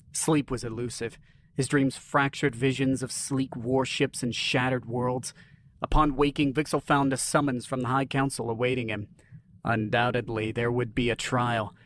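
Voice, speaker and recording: A man narrates a science-fiction tale in an even, dramatic voice of middling pitch. A faint hiss of noise sits under the reading. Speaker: story narrator. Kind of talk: scripted sci-fi story narration.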